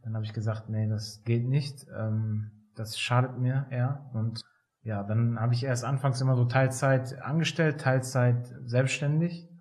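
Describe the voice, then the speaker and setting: A man in his thirties from Germany, a physiotherapist talking as a podcast guest in a relaxed way, with many fillers and hesitations. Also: medium pitch, a little slow. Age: 30s. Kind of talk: casual interview talk.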